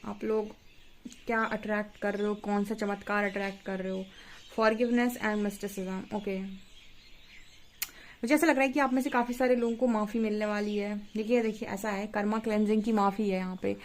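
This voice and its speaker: A woman's voice: mid-range voice, fairly even intonation, moderate pace, a little hiss or hum. A young woman giving a casual spiritual tarot reading to camera, chatty and repetitive, mixing English words into Hindi. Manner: chatty, repeats "ठीक है" and "देखिए", mixes English words into Hindi. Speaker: tarot reader.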